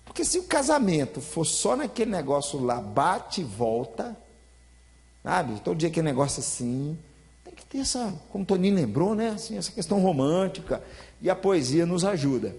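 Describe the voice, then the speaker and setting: A man's voice: on the high side, big pitch swings, moderate pace, gravelly, a little mellow, in a large hall. A man with a Brazilian Portuguese accent, a pastor leading a Bible study in a chatty, joking way, teasing listeners by name. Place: church hall.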